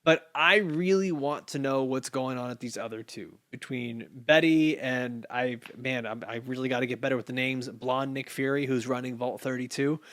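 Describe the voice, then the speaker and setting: A man's voice: mid-range voice, moderate pace, hardly any pauses. A man co-hosting a podcast, chatting casually about a TV episode, laughing often and acting out quotes. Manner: laughs often, animated storytelling with acted quotes. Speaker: podcast co-host. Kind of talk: casual TV recap chat.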